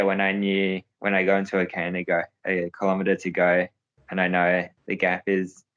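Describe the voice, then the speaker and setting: A man's voice: deep voice, a bit bright, highs cut off. A young man, a professional cyclist, answering interview questions in a hesitant way, with many fillers and restarts.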